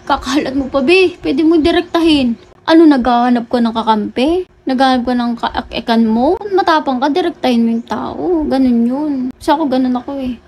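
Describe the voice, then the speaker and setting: A woman's voice: high voice, a little fast, a little mellow. A woman vlogger giving a blunt, lecturing casual rant to the camera, swearing casually as she talks.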